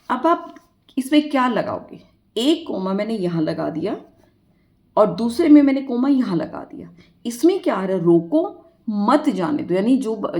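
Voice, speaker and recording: A woman's voice: medium pitch, warm tone. A woman math teacher, explaining a lesson step by step and asking her students questions.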